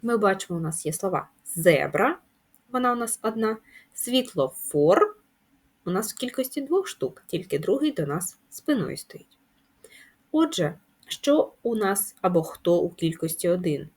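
Woman teacher, breathy voice, lively pitch, patient lesson for kids. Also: unhurried. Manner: clear, patient explaining to children. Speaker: primary school teacher. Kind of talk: video lesson for children.

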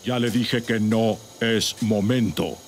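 A man's voice: fairly low pitch, takes it slowly, slight background noise. A man voicing a haughty, scheming royal flamingo in a cartoon, pompous and imperious. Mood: cold, impatient. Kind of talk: animated series villain acting.

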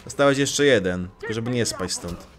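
A man's voice: lowish voice, fairly quick. A young man casually commenting on his gameplay, joking, swearing lightly and talking back to the game characters. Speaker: let's play gamer.

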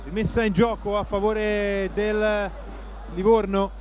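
High-pitched man calling football live. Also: level tone, slow, faint music behind. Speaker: football play-by-play commentator. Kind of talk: live football match commentary. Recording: noisy stadium broadcast with crowd. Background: stadium crowd noise.

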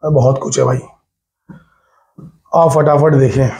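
A man's voice: mid-range voice, steady tone, slow pace, vocal fry, darkish tone. A man with an Indian accent teaching physics in a recorded exam-prep lecture, chatty and teasing, repeating phrases and mixing English terms into his talk.

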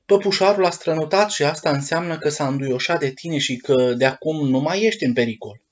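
A man's voice: on the high side, natural voice. A man voicing a puppet clown sharing good news eagerly, in a dull lo-fi storybook recording. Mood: gleeful. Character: sad puppet clown turned gleeful, confiding.

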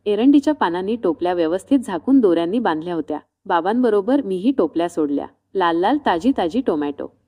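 A woman reading a first-person story in a calm, reflective scripted narration. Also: mid-range voice.

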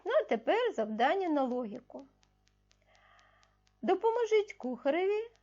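With a high-pitched, sing-song, mellow voice, a woman teaches young pupils in a recorded primary school video lesson. She patiently asks and answers her own questions, emphasizing key words slowly; the highs are cut off and soft music plays in the background.

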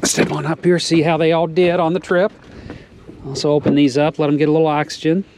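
With a fairly high, level-toned voice, a man walks through the fish and plant tanks on his farm, explaining things step by step and often pausing with an "uh." The recording, made outdoors on a wearable action camera, is noisy, and water can be heard running nearby.

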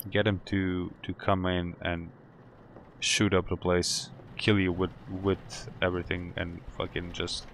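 A gaming channel host plays a horror game in let's play commentary, jumpy and swearing as he talks to himself and the game. His low voice barely moves in pitch, his pace is measured, and his tone fairly bright, with slight background noise.

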